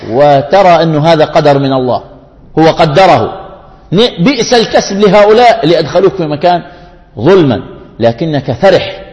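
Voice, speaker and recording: A man's voice: on the high side, darkish tone, dull audio. A man preaching a sermon, speaking earnestly to his brothers in faith and posing rhetorical questions between stories. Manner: earnest, addresses the congregation with rhetorical questions and anecdotes. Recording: long hall reverb.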